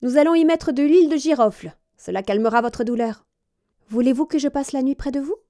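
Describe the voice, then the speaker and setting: A woman voicing a calm, practical under-governess who soothes a child. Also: high-pitched, brisk, voice pushed up, lightly acted. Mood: caring.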